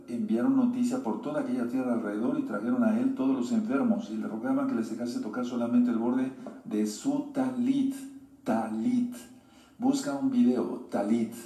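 A man teaching scripture in a slow, deliberate sermon style, pausing to have his listeners underline verses. His voice is dark and mellow. It sounds echoey, as if picked up from a distance in a roomy space. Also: medium pitch. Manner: slow, deliberate reading with repeated instructions to underline. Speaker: Bible teacher. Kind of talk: sermon-style Bible study.

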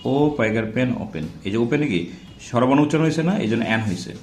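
A man's voice: medium pitch, lively intonation, rapid-fire, reverberant, soft background music. A man teaching an English grammar lesson in a casual classroom style, repeating example words and checking in with rhetorical questions.

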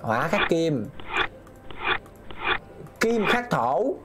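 A man's voice: a little high, sing-song, drawn-out words, very noisy. Man muttering through puzzles. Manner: talks himself through puzzles, repeating phrases aloud and reading chat. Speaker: game streamer. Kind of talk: live gameplay commentary.

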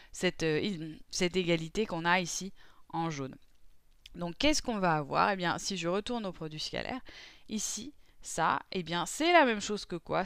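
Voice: medium pitch, clear, resonant tone, dry recording, clean studio sound. A math teacher working through a recorded lesson step by step, often posing a question aloud and then answering it. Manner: steady step-by-step explaining, asks itself questions and answers them; frequent fillers while working through the steps.

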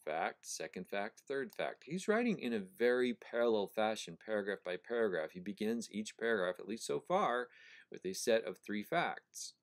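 A man explaining prose style in a recorded lecture, thinking aloud, correcting himself and slowly repeating phrases to stress their sounds. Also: on the low side, sing-song. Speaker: professor.

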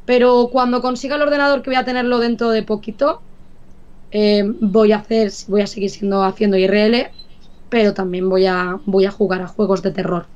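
A woman's voice: mid-range voice, little pitch movement, fairly quick, a little mellow, clear, resonant tone. A young woman from Madrid, with a slight Andalusian touch to her speech, chats casually as a guest streamer on a video call from her home. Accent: Madrid Spanish with an Andalusian touch. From Madrid, Spain. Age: young adult. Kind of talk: casual interview chat. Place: home room with pets. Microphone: video call, webcam mic. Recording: dull lo-fi video call audio.

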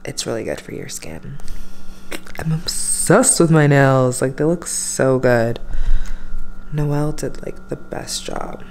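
Holding the camera at arm's length, a young vlogger with a stuffy nose rambles chattily through her day, full of fillers, moving from her apartment to a parked car. Her bass voice is slow and darkish, and there's a little hiss or hum in the audio.

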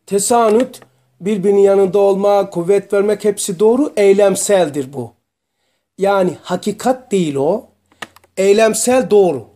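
A man teaching a religious study group, explaining terms slowly and asking his students questions. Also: high-pitched, mellow. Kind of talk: religious lesson to a small group.

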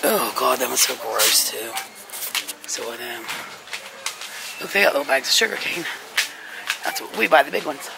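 Filming on a walking handheld camera inside a big discount store, a woman gives casual shop-along commentary to her viewers. She has a bass, creaky voice, expressive and at normal speed, with long pauses, and store noise fills the background.

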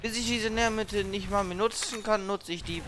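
A man's voice: high voice, fairly even intonation, a little fast, noisy background. A man giving casual let's play commentary, thinking aloud in an informal, grumbling way. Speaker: let's player, streamer. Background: game music and sound effects.

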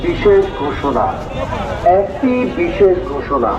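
A man making a formal public announcement through a megaphone loudspeaker at an outdoor market, repeating each phrase. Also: a little high, animated, slow pace, over music. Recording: echoey, distant, dull loudspeaker sound with market crowd.

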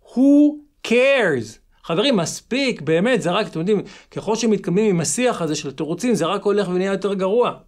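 A man's voice: high voice, expressive, few pauses. A man with an Israeli accent teaching in an emphatic, exhorting motivational style, repeating phrases for stress. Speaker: English teacher and channel host. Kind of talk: motivational lesson to camera.

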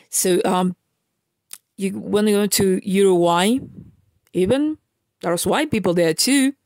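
Her voice on the low side and somewhat dark in tone, an Argentine vlogger rants casually and forcefully at her viewers in a monologue, restarting often and leaning on fillers. It's a dry, studio-quality recording.

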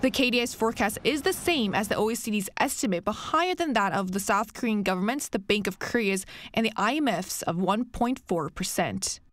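A woman news reporter delivering a scripted report in a steady, deliberate way. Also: mid-range voice. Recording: faint background noise.

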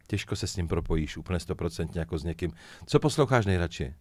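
A middle-aged man, a musician guest, chatting casually in an interview and telling jokey stories. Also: low voice. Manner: lively joking storyteller, chuckles often.

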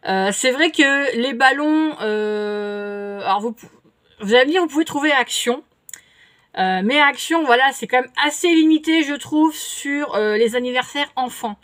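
A woman's voice: high-pitched, unhurried, a bit bright. A middle-aged woman, chatting casually at home as she answers her viewers' comments, rambling with many fillers and restarts. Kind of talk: casual chat. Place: home, indoors.

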